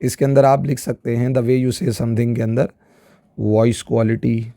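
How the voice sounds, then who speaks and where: A man teaching a class, slow and stressed, often checking whether his students follow. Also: medium pitch, creaky. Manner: animated, keeps asking if students follow; slow, stressed delivery with acted examples. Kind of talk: classroom lecture.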